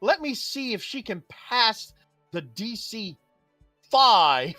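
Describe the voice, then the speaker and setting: A game master narrating a tabletop game in a casual, animated way, often laughing while talking. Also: medium pitch, slow, no room sound, soft background music. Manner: animated, laughing as they talk.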